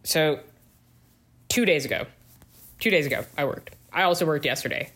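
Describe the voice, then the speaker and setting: A man co-hosting a podcast, telling work stories in a wry, deadpan way during casual chat. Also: fairly high pitch, moderate pace. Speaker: podcast co-host.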